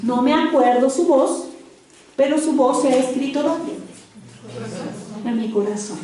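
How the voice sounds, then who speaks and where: A woman's voice: sits high, measured pace, dark tone. A woman preaching to a congregation in an interactive sermon, often stopping to check in with her listeners through short questions. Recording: very echoey hall, mic far off.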